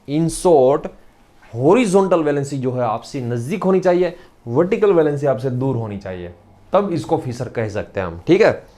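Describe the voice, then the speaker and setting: A man's voice: on the high side, a little mellow. Gujarati-accented man teaching chemistry. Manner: repetitive, drilling, teasing asides to students. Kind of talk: recorded lecture.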